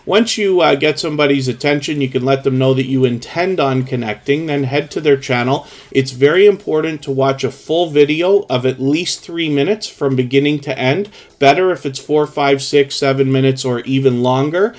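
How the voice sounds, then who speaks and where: A man's voice: mid-range voice, moderate pace, few pauses. A man hosting a live stream in a chatty way, explaining things in long, run-on stretches.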